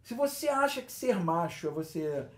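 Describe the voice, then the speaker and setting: A man's voice: high-pitched, very animated, moderate pace. A man with a Brazilian Portuguese accent, a guest in a casual podcast chat who acts out quoted lines.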